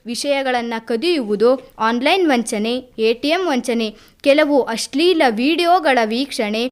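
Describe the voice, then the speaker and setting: A girl playing a strict but caring woman schoolteacher who scolds and lectures her class in a school radio play. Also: high voice.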